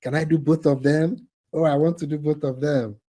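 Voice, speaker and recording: A man's voice: a little high, fairly even intonation, normal speed, a crowd in the background, poor audio. Playful man hosting an online quiz. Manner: playful, teasing, laughs often. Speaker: quiz host for online training cohort.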